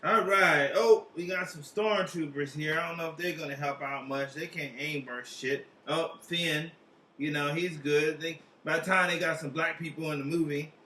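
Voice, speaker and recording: A man with a bright, high-pitched voice plays host on a comic psychic advice line. He rambles casually in slang and swears freely. The sound is roomy and a little distant from the microphone. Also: steady tone, normal speed, a little hiss or hum. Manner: profane, slangy, rambling, repeats tag questions. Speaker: comedic tarot advice hotline host. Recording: roomy echo, distant from mic.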